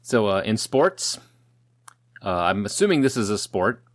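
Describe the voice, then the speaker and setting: A man's voice: fairly low pitch, big pitch swings, unhurried, no room sound, studio quality. A man co-hosting a podcast, reading out old news items with jokes and loose swearing. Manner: joking, swears casually, stumbles over words. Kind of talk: casual podcast banter.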